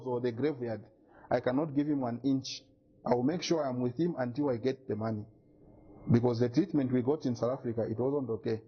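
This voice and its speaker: A man's voice: mid-range voice, highs cut off. A man giving an interview, insistent and indignant as he talks through his evidence. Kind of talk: press interview.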